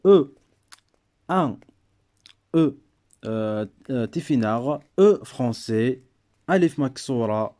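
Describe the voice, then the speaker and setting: A man walks through an alphabet one letter at a time, speaking slowly. He pauses often and fills the gaps with hesitant fillers, sounding like a patient teacher working it out as he goes. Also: medium pitch, darkish tone. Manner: slow, hesitant, many fillers. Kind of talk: alphabet lesson.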